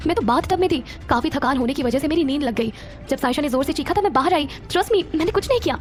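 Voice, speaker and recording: A woman's voice: sits high, expressive, fast talker, soft background music, voice pushed up. A woman narrator voicing an anxious young woman who insists she did nothing wrong, in a pleading, insistent manner.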